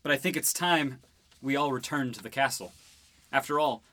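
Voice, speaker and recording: A man's voice: medium pitch, moderate pace, bright, forceful tone. A man voicing a cocky, teasing young prince and husband in a student radio drama.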